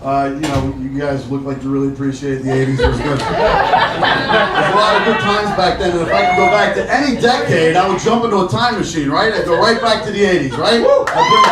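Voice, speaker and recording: A man's voice: high-pitched, very noisy. A middle-aged man from the Shore, doing a brash, profane stand-up set and working the crowd. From Jersey Shore, USA. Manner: brash, profane, chatty with the audience. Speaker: stand-up comedian. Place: comedy club stage. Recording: roomy live club audio from a distant mic. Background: laughing crowd.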